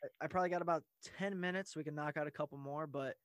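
A man's voice: fairly high pitch, steady tone, fast talker, fairly bright tone, no room sound. Laid-back man teasing a guest. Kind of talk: casual chat.

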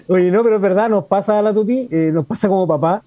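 High, mellow Chilean man joking on air. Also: no room sound. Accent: Chilean Spanish. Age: adult parent. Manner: joking, rambling, slangy. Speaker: radio co-host. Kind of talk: casual radio chat.

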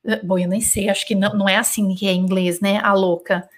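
A woman's voice: mid-range voice, level tone, fast. A Brazilian woman teaching French in a chatty live online lesson, answering comments and repeating sounds to show their rhythm. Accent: Brazilian Portuguese.

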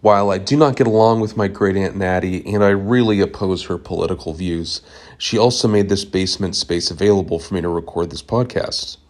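A man hosting a podcast, reading a scripted comic story in a deadpan, earnest way from a home basement. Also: low-pitched, a little fast. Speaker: podcast host. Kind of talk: scripted comedic narration.

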